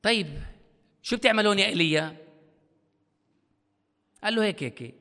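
A man preaching a sermon as pastor, animated, acting out voices, scolding and pleading. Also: high-pitched, a little fast. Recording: long hall reverb.

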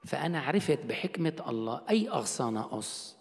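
Gravelly male preacher in a reverberant hall. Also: mid-range voice, very animated, fast. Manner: conversational preaching, rhetorical questions. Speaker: pastor. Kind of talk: sermon. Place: church hall.

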